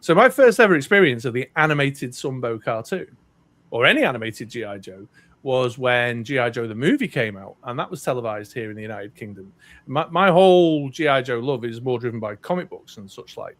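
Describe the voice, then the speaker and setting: This middle-aged podcast co-host from North Wales speaks with a British accent, chatting casually and rambling with lots of ums and restarts. His mid-range voice is expressive and fairly bright, a little fast, with no echo.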